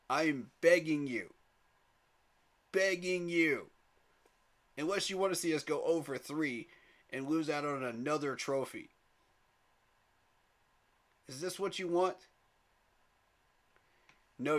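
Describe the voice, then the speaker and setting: A man's fairly high, slightly bright voice leads a live sports fan stream. Talking directly to his chat, he sounds emphatic and pleading, and he laughs softly at rival fans.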